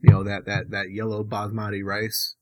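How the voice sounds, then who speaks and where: A man's voice: on the low side, monotone, moderate pace, a little mellow, dry recording. A man co-hosting a beer podcast, chatting casually and rambling with restarts and fillers. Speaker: podcast co-host. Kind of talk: casual chat.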